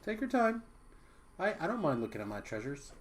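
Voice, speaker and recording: A man's voice: fairly high pitch, very animated, fairly quick. A man chatting casually and playfully while playing an online game. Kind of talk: casual gaming chat. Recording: clear background noise on game voice chat.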